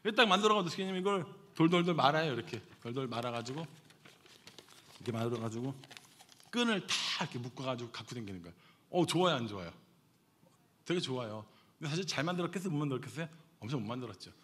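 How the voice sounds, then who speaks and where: A middle-aged man preaching a sermon as pastor, telling a story with animated swings between loud and hushed delivery. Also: mid-range voice, rapid-fire.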